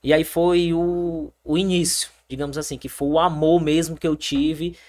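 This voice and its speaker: A young Brazilian man, a soldier and triathlete, telling his story as a guest in a casual interview, animated and full of fillers and restarts. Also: a little high, normal speed.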